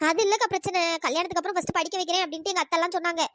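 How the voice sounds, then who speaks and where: [name], a woman doing a squeaky bride's friend. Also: fairly even intonation, fairly bright tone, dry recording, studio quality. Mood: pleading. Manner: pleading, fast coaxing chatter. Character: chatty loyal young village woman, bride's friend. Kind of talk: cartoon voice acting.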